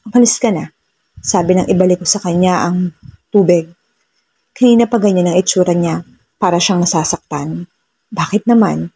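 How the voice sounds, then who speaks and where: A woman narrates a first-person love story in a soft, low voice. Her tone is warm and mellow with a husky edge, and she slips English phrases into her telling. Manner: soft-spoken, switches between Tagalog and English.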